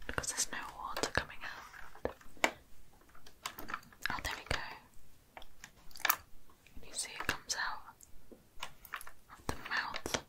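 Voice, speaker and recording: A woman presents an unboxing in a soft ASMR whisper, with no full voice. She goes very slowly, in short hushed phrases with gentle pauses, as a casual running commentary on what she is handling. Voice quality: whispering, unvoiced.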